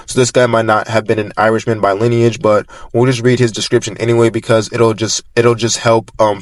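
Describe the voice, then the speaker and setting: A man with a fairly low voice, recorded dry, narrates archive records informally. He reads them aloud in an explanatory style, often repeating and rephrasing himself as he goes.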